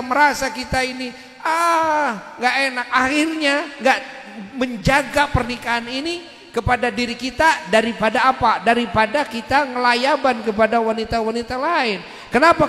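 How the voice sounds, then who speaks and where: High-voiced preacher in an echoing hall. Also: male voice. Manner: keeps asking the audience "ya kan?", with sudden loud emphatic bursts. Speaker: Islamic preacher. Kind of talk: sermon. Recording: echoey hall with long reverb.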